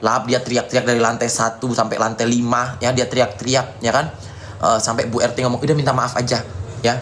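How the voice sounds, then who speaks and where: A man from Indonesia in a live stream rant, angrily insulting someone in a repetitive, taunting tirade while answering viewer comments, filling pauses with "ya". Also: mid-range voice, little pitch movement, a bit bright, slight background noise. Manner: repetitive, peppered with "ya".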